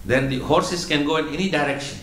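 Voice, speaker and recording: A man giving a religious lecture as a spiritual teacher, explaining slowly and patiently, often repeating words as he goes. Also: a little high, vocal fry, fairly bright tone, roomy sound, a little hiss or hum, low-quality recording.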